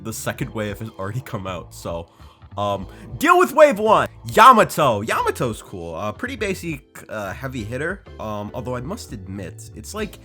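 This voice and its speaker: A man's voice: fairly low pitch, sharp tone. A young man hosting a casual game review, rambling and self-mocking with lots of fillers. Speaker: host.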